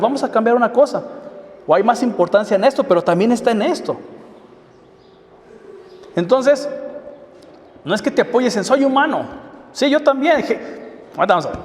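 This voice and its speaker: A man's voice: very high voice, expressive, a little fast, pauses often. A man preaching a sermon, asking the congregation one rhetorical question after another. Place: church hall. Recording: echoey hall from far off.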